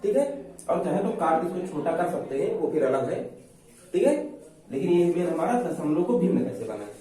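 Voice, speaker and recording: A man teaching a maths lesson, who asks his students questions, answers them himself and repeats rules slowly. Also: on the high side, big pitch swings, warm tone. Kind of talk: exam-prep maths lesson. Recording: echoey room, far from mic, faint noise.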